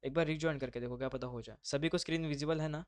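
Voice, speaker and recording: A man's voice: on the high side, steady tone, rapid-fire, no echo. A man teaching a live online class, talking students through steps in an informal, chatty way. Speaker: instructor.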